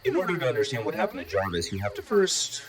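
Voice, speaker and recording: A computer voice in a male register, playing a calm, humorless AI with a synthetic robot sound and stiff, overly literal phrasing. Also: fairly high pitch, fast talker, crowd noise. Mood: flat literal.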